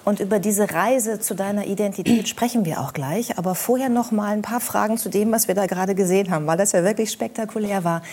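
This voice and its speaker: A woman's voice: medium pitch, fast talker, few pauses, warm tone, a little hiss or hum. A woman hosting a television talk show, guiding the guest with friendly questions.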